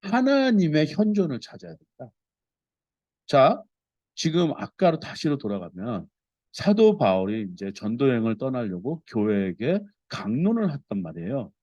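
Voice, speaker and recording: A man preaching a Sunday sermon as a pastor, earnest and expressive, reading scripture aloud with feeling. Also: mid-range voice, normal speed, no echo, muffled recording.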